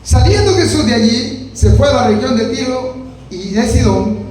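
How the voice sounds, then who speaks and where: A male pastor preaching a sermon, acting out quoted voices with sudden shouts. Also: very high-pitched, animated, normal speed. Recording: echoey room, distant mic, faint noise.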